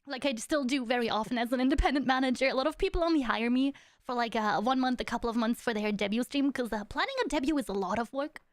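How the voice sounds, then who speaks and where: A woman's voice: high-pitched, quick pace, no echo. A woman from Europe hosting a podcast, chatting in a bubbly, giggly and playfully dramatic way. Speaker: podcast host and independent VTuber manager. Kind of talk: casual podcast chat.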